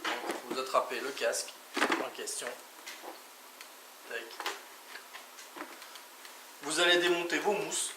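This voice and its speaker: A motorcycle vlogger with a voice on the high side presents gear in a casual, hands-on product tutorial, informally talking through each step with little interjections. He takes it slowly with long pauses. The recording is echoey, with a distant mic and clearly noisy background.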